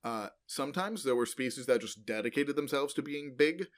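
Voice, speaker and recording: A brisk, expressive guy with a mid-pitched voice rambles through a casual podcast explainer about paleontology as co-host. His speech is loose and informal, loaded with ums, uhs, and "like," and he often corrects himself.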